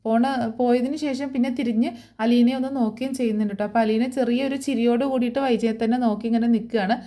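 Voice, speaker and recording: A woman recaps a TV serial episode in a loose, chatty way. Her speech is full of fillers and tag questions. Her voice is mellow and fairly high. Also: fairly even intonation, quick pace. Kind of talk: casual spoken story recap.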